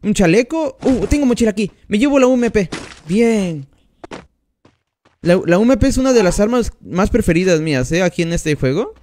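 A man's voice: high-pitched, animated, moderate pace, a little mellow. A man commenting on his mobile gameplay during a live stream, chatting and greeting each viewer by name as he plays. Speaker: gaming streamer.

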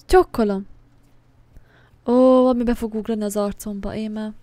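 A woman's voice: mid-range voice, fairly even intonation, dark tone, no echo. A woman giving jumpy, casual commentary while playing a horror game, talking to objects on screen and swearing now and then. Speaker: gaming channel host.

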